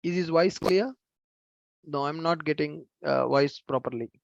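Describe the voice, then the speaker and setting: A man's voice: fairly high pitch, unhurried, vocal fry, no room sound. A man instructor answering students' questions in a live online class over a video call, with short patient acknowledgements. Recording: dull lo-fi online call audio.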